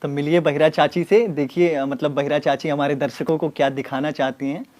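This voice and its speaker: Male interviewer, respectful, slightly higher voice. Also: fairly even intonation, a little fast, darkish tone. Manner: polite, respectful, with fillers. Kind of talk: interview questions.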